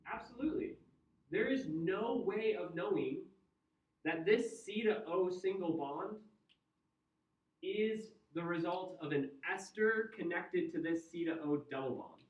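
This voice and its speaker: A man with a Midwestern American accent and a somewhat slow, high-sitting voice teaches a chemistry class, joking conversationally and asking his students questions. The classroom lecture sounds roomy, distant and dull.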